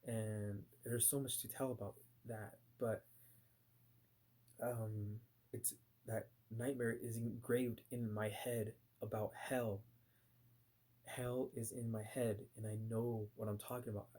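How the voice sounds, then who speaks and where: A man's voice: on the low side, level tone, takes it slowly, warm tone. A man telling a personal story in a casual, rambling way, full of fillers and restarts, sometimes acting out his past reactions. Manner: voices his own past reactions in bursts. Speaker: vlogger recounting a nightmare.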